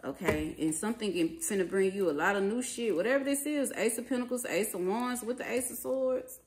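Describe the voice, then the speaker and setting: A woman with a medium-pitched, slightly fast and somewhat mellow voice gives a casual tarot reading, talking bluntly, emphatically and with plenty of profanity and slang. She sits at a table in a small living room, and the home recording is noticeably noisy, with cards clicking.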